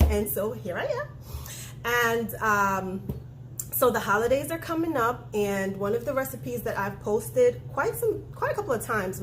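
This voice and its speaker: A private chef with a fairly high voice, nasal from a head cold, walks through a recipe in her home kitchen, filming on a handheld phone camera. Her talk is relaxed and chatty, full of ums, and the recording is rough with slight background noise.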